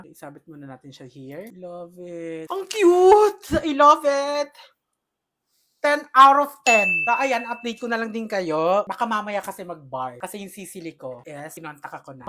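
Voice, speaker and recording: A woman's voice: medium pitch, sharp tone. A young woman vlogging an unboxing in a dramatic, gushing way, bantering with herself in playful slang. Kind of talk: casual unboxing vlog. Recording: noisy background.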